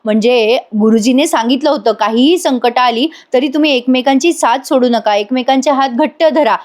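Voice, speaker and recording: High-voiced woman recapping a TV serial. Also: a little mellow. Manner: chatty, addresses viewers directly. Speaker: TV serial reviewer. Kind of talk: casual episode recap narration.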